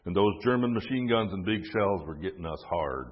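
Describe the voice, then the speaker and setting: A man's voice: low-pitched, animated, a little fast. A man voicing a young male infantryman with a Southern US accent, telling of the fight in an earnest, plain-spoken way. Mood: grim. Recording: dull, echoey recording.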